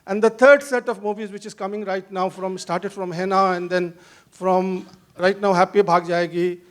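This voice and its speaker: A man giving an unscripted academic talk on a panel in a halting way, repeating filler phrases. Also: high-pitched, flat delivery. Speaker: panel speaker.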